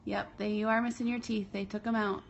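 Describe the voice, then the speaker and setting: A woman's voice: mid-range voice, level tone, brisk, creaky. A woman chatting casually in short questions, patiently humoring someone and echoing back what she hears. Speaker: caregiver filming and questioning the patient. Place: small bedroom, indoors. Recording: muffled phone video with noticeable noise.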